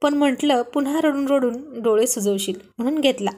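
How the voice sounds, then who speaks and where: A woman's voice: sits high, moderate pace, warm tone. Storybook role: playful young husband, read by a woman, light and teasing.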